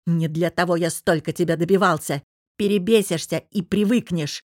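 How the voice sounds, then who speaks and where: A woman's voice: fairly low pitch, normal speed, no echo, clean studio sound, lightly acted. A woman voicing an angry, domineering businessman husband who growls and presses hard. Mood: furious. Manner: growling, forceful.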